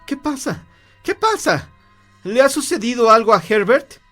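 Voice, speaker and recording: Man voicing a desperate grieving mother: high, shrill, pleading cries. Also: animated, unhurried, sharp tone, soft background music, full character voice. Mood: panicked.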